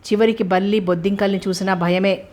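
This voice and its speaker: A woman's voice: mid-range voice, steady tone, brisk, darkish tone, natural voice. A woman narrator voicing a shy, timid young woman raised in a village who speaks hesitantly and anxiously.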